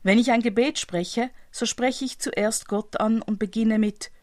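A woman preaching, giving a calm, measured, explanatory reflection in a scripted style. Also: a little high, dry recording, clean studio sound.

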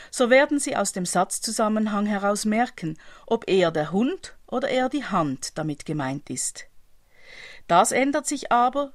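A woman preaching, giving a calm, measured, explanatory reflection in a scripted style. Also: medium pitch, dry recording, clean studio sound.

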